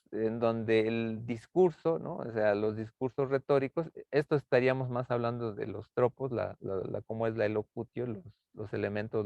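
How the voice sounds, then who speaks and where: A man lecturing a class on rhetorical figures, halting often with fillers and tag questions. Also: medium pitch, creaky, no room sound. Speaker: university lecturer. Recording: tinny phone-like online class audio.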